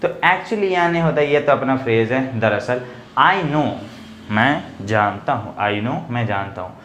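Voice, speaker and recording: A man teaching English grammar in a casual, chatty classroom style, reading English examples slowly and explaining them. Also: medium pitch, animated, a bit bright, reverberant, a little hiss or hum. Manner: chatty, addresses viewers as bhai and bhaiya.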